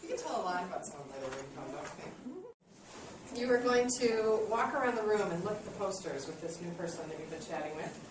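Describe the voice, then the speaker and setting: A woman's voice: lowish voice, lively intonation, fast, noisy background. A woman in her late thirties teaching a class, friendly and self-deprecating, with many ums. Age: 30s. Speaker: college instructor. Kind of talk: classroom lecture. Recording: echoey classroom from far off.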